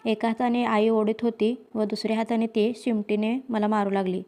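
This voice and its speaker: A woman reading a story aloud in a steady, even storybook manner. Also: fairly high pitch, normal speed. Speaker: reader.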